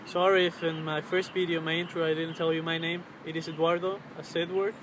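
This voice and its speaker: Guy in his 20s vlogging outside, kinda flat voice, hesitant, casual, noisy traffic background. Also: a little high. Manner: hesitant, halting, searching for words. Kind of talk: casual chat to camera. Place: outdoors on a riverbank under a road bridge. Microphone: camera's built-in mic at arm's length. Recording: clear outdoor traffic and ambient noise.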